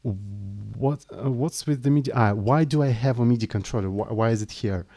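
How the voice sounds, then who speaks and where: He has a warm, mid-range voice and speaks at normal speed. During a casual coding live stream he explains his work in non-native English, sounding unsure and apologetic and frequently beginning sentences again.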